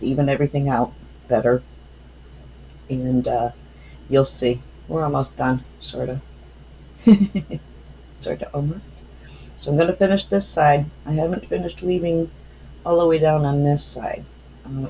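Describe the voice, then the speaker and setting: A man talks through his wire-wrapping at a home workspace, unhurried and thinking aloud as he works. His voice is gravelly, and he speaks at a slow pace. The recording is dull and lo-fi, with faint background hiss. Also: fairly high pitch, darkish tone. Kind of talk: casual craft follow-along narration.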